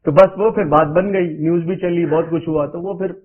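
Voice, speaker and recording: A man's voice: a little high, steady tone. A middle-aged man from Pakistan, a cricketer guest telling stories in loose, run-on sentences and chuckling often. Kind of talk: anecdotal interview storytelling. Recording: narrow phone-like radio audio.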